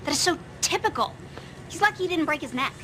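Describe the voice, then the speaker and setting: An actress playing a brisk, businesslike young woman in a film. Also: high voice, lively intonation, background noise. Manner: brisk, clipped. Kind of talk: film acting. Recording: film soundtrack with loud music.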